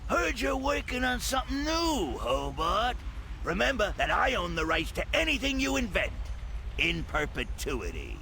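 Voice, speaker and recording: A woman's voice: mid-range voice, wildly swooping pitch, moderate pace, creaky, fairly bright tone, a little hiss or hum, heavily acted. A woman voicing a scheming, greedy male goblin boss who is bossy and smug.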